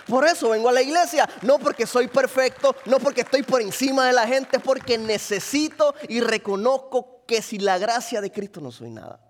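A man's voice: very high-pitched, expressive, moderate pace, few pauses, big-room sound. A man preaching a sermon as a pastor, asking the congregation questions and acting out little quotes. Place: church.

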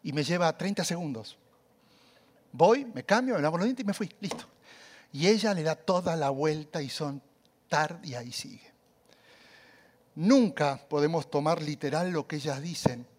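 Animated male preacher, fairly high voice. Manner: animated storytelling, acting out quotes with sudden loud cries and soft asides. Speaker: pastor. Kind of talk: sermon.

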